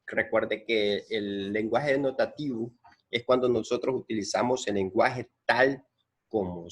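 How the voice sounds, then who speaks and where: Man, teacher, husky voice, patient, repeats himself, counts aloud. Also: on the low side, fairly bright tone. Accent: Central American Spanish. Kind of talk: explaining a lesson.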